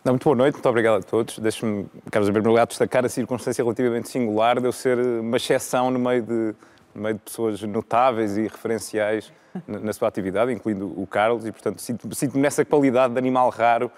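Measured Portuguese man in his thirties. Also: mid-range voice, steady tone, darkish tone. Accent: European Portuguese. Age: 30s. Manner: measured, with frequent repetitions and restarts. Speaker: law lecturer and debate guest. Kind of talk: live panel debate.

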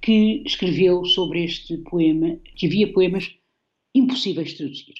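A European Portuguese-accented woman, a guest poet in a radio talk on poetry, speaks a little slowly in a fairly low, somewhat mellow voice over a muffled recording. Her explanation of a poem is reflective, and her phrases often end with a tag question.

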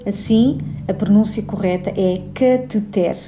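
A woman linguist, giving a clear, didactic scripted radio explanation of a pronunciation. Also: mid-range voice, unhurried, dark tone, faint music behind. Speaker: linguist answering a language question.

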